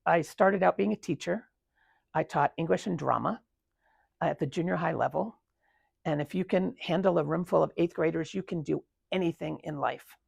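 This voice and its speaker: A woman in her seventies with a gravelly, husky voice talks through her working life at a retirement community. She is reflective and pauses often on ums and restarts. The sound is close and dry. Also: sits low, no room sound. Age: 70s. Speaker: interviewee. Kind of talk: recounting her career.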